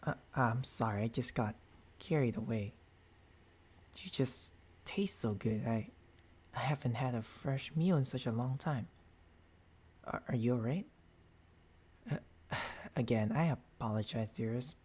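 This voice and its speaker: Soothing and apologetic, a man at medium pitch plays a tender, gentlemanly vampire boyfriend in intimate ASMR. Halting, husky and breathy, he offers formal endearments into a close binaural microphone.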